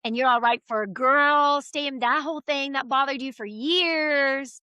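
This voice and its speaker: A middle-aged woman chats as an interview guest, telling family stories and acting out every voice in them. Her voice is bright and a little high. The sound is dry and close. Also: unhurried, no echo. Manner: animated storyteller acting out quoted voices. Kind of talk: casual chat.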